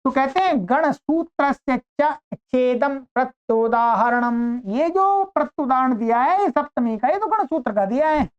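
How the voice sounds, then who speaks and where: Woman Sanskrit grammar teacher, high and unhurried, patient explanatory delivery, dull lo-fi audio. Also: animated, clean tone, soft background music. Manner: slow, explanatory, repeats points with "ठीक है". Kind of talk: online grammar lecture.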